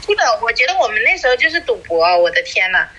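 Husky bright-toned woman rambling casually. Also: on the high side, sing-song, fast talker, low-quality recording. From small city in China. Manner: rambling, many fillers and restarts. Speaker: podcast co-host. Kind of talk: casual chat.

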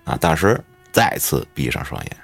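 A man's voice: very animated, normal speed, gravelly, fairly bright tone, faint music behind. A man, a podcast host telling a ghost story in colloquial, swear-laden style. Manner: colloquial storyteller, swears often, dramatic swings in pitch.

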